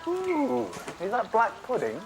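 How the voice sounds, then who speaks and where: A man's voice: very high voice, huge pitch swings, a little slow, vocal fry, over music, heavily acted, poor audio. An actor playing an awkward male doctor in a TV soap who fumbles his words and fixates on food. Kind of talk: TV soap acting.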